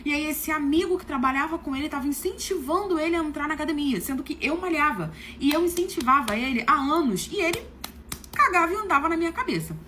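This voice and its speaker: A woman telling a personal story about her marriage in a casual, animated way. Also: high voice, fast talker, a little hiss or hum. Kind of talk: casual spoken anecdote.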